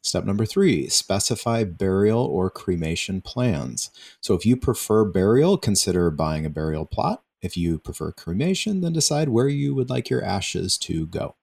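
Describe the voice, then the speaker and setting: A man with a very low voice walks listeners through planning steps on a radio advice program. He talks in a relaxed, conversational way, laughing lightly and often restarting a word mid-sentence. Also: normal speed, vocal fry, slightly rough. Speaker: financial advisor guest. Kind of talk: radio show advice talk.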